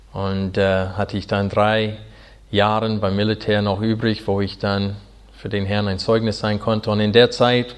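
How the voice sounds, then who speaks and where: American man preaching in halting German. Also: lowish voice. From Arkansas, USA. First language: English. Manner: earnest, halting German with fillers. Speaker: pastor. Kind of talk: sermon.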